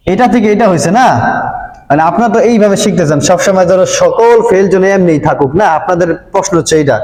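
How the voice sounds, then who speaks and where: A man's voice: high-pitched, darkish tone. A man teaching an Arabic grammar lesson at a board, patiently repeating points and often checking that his listeners understand. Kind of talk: board lesson explaining Arabic verb forms. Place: room with a board. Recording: echoey room with long reverb.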